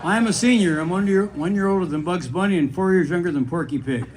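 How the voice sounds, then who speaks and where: A man in his eighties telling jokes on stage at a variety show, dry and deadpan, with brisk setups and quick punchlines. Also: high voice, over loud music, poor audio. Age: 80s. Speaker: comedian. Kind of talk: stand-up joke telling.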